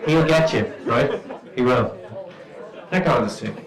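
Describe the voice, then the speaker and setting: A man's voice: mid-range voice, lively intonation, measured pace. Lilting Irish male storyteller in an echoey room. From Ireland. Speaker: storyteller and folklorist. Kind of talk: live comic storytelling to an audience. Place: indoor live venue with an audience. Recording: echoey room with crowd noise.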